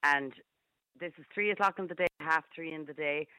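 A woman's voice: low voice, fairly quick, sharp tone, no echo. A woman in her fifties with a Galway, west of Ireland accent, speaking bluntly and emphatically as a caller on a radio phone-in. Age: 50s. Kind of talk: casual, opinionated phone-in chat. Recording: dull phone line on radio.

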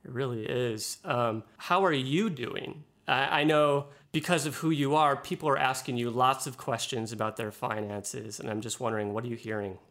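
A man hosting a well-being podcast, reading the intro and asking gentle questions. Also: medium pitch, moderate pace, hardly any pauses. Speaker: podcast host. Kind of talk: scripted show intro and interview questions.

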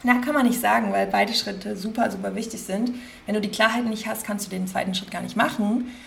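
Gravelly-voiced woman coaching gently. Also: medium pitch, steady tone, a little hiss or hum. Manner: gentle, coaching, slowly repeats and stresses words. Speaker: podcast host, coach. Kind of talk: guided self-reflection talk.

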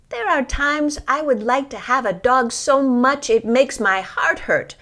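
A woman reading a scripted personal essay in a deliberate, expressive storytelling manner with pauses. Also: on the high side.

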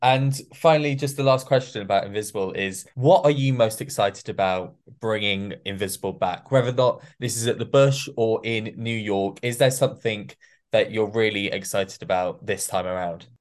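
Man, podcast host, lowish voice, casual and encouraging. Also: normal speed. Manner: encouraging, frequent "yeah" affirmations. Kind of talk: casual interview. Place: podcast studio.

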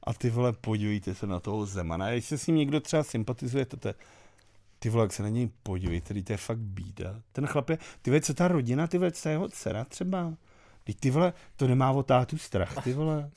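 Gravelly, foul-mouthed man ranting. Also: medium pitch, dry recording. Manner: crude, swears constantly, excitable. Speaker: podcast co-host. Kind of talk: casual political banter.

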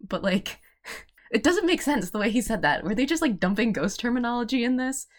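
A woman's voice: a little high, big pitch swings, fairly quick. A woman co-hosting a podcast, chatting casually about a TV episode, asking curious questions and laughing often. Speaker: podcast co-host. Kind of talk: casual chat recapping a TV episode.

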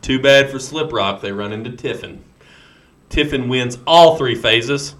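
A man's voice: mid-range voice, unhurried, fairly bright tone. A man co-hosting a casual sports podcast, joking, laughing often and reading out a friend's picks. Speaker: podcast co-host.

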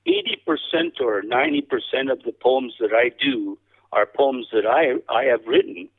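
A man chatting casually as an interview guest, a cowboy poet with a halting, rambling, folksy storytelling manner. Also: mid-range voice. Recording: thin band-limited radio or phone-like sound.

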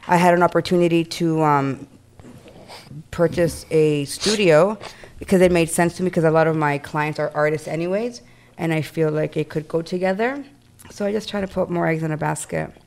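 A woman's voice: on the low side, moderate pace, clean tone. A young woman from Canada, a realtor and studio owner, chatting casually in an interview with plenty of "like" and "um" fillers.

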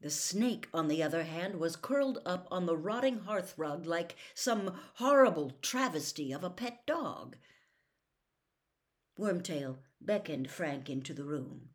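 A woman's voice: on the low side, expressive, a little slow. A woman reading a novel aloud as a storyteller, dramatic and dropping to a whisper for suspense.

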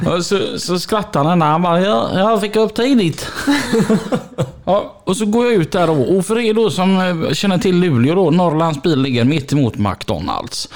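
A man co-hosting a casual podcast. He is an animated storyteller with a very lively pitch that swings up and down. He talks a little higher than most men and laughs often. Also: few pauses. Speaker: podcast co-host. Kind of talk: casual chat and anecdote telling.

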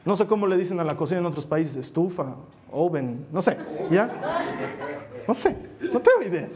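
A man's voice: high-pitched, sing-song, normal speed, a little mellow. A male pastor preaching a sermon in a conversational way, often checking in with his listeners and acting out little quotes as he tells a story. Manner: conversational, asks listeners for assent; plays out a story with small acted quotes.

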